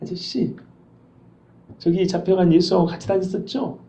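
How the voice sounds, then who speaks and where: A man's voice: high-pitched, big pitch swings, normal speed, a little mellow. A male pastor voicing a young servant girl who keeps pressing a man with insistent questions. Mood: prying. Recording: roomy dull church recording.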